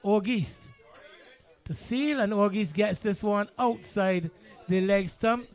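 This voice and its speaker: A man with a Bajan accent giving live cricket commentary in a measured, explanatory way. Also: high voice.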